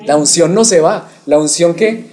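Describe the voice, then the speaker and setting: Preaching man with a mellow, fairly high voice. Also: normal speed. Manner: asks the congregation questions and waits for replies. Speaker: pastor. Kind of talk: expository sermon.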